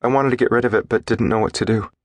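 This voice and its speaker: A man voicing a shaken young woman who murmurs softly in a subdued tone, in an audiobook reading. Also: on the low side, fast talker, no room sound, studio quality, voice pushed up, natural voice.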